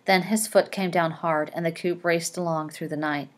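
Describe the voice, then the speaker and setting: A woman's voice: lowish voice, steady tone, normal speed. A young woman reading a novel aloud and breaking off for casual explanations, full of "okay" and "like". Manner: chatty asides with "like" and "okay".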